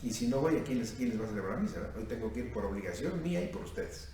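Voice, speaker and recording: Recorded from far off in an echoey room with faint noise, a Mexican priest in his 50s delivers a retreat sermon to young people. His mid-range voice is warm, expressive, and rapid-fire, with a Mexican accent, as he questions his listeners and calls them "mijo".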